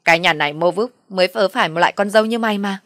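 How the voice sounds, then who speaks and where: Brief: woman playing a shrill, spiteful mother-in-law, audio story, dry close sound. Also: very fast, no room sound, lightly acted. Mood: furious scolding. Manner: shrill, abusive shouting. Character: furious scolding middle-aged mother-in-law.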